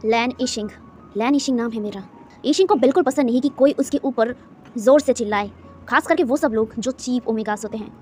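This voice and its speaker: A woman voicing an arrogant, cruel rich woman who shouts insults, in a storybook reading. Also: fairly high pitch, close to an everyday voice.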